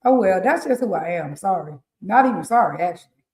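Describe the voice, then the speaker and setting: Co-hosting a laid-back live-streamed morning show, this Southern-accented relationship coach from the rural US dispenses spirited, sermon-like advice punctuated by laughter. She speaks a little fast in a mid-range voice, with echo from the room.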